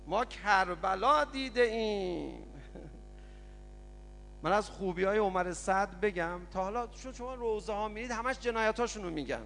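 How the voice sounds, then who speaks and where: A man preaches a mourning sermon with a high voice, dropping to hushed sarcasm and rising to loud cries. His voice rings with the long reverb of a large hall. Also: a little hiss or hum.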